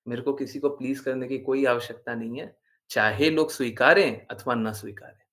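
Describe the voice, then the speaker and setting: A man's voice: mid-range voice, moderate pace, a bit bright. A man giving a devotional class talk, earnest and insistent, repeating phrases for emphasis and mixing English words into his speech. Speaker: spiritual teacher.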